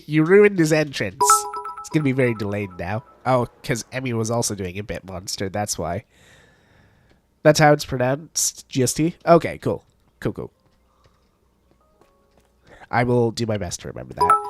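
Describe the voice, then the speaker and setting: A man streaming a game live, chatting casually with viewers and laughing often, his voice stuffed up from allergies. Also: medium pitch. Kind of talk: casual live-stream chat while gaming.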